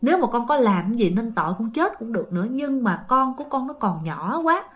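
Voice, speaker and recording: A woman's voice: fairly high pitch, very animated, fairly quick. A woman voicing an anxious widowed mother who prays tearfully. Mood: pleading. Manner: pleading, tearful in prayer.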